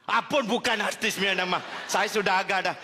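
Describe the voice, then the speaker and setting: A man performing a stand-up comedy routine on a television stage, talking in comic broken Malay with a put-on foreign accent and shouted catchphrases. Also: high voice, steady tone, fairly quick, a little hiss or hum.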